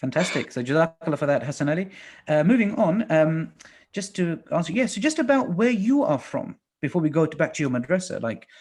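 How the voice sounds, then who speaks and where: A man's voice: a little high, big pitch swings, fairly quick, a little mellow. A man in his thirties hosting a video call interview, asking friendly, upbeat questions over a headset. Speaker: host. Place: small indoor room.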